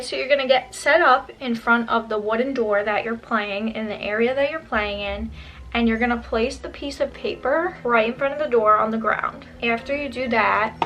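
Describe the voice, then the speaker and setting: Female vlogger, higher-pitched, casual and conversational, animated asides, clear music bed underneath. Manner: informal, animated asides with acted-out quotes. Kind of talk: casual chatty storytelling during a makeup tutorial. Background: background music.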